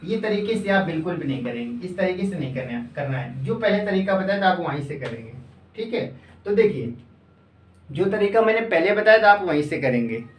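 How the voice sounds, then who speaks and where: Brief: math tutor, quizzes the class and answers each question, dictates slowly, sits back from the mic in a roomy space. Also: medium pitch, big pitch swings, far from the mic, slight background noise. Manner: asks the class questions and answers them itself; repeats phrases slowly as if dictating. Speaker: coaching class teacher. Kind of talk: exam-prep math lesson. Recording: echoey room, voice off-mic.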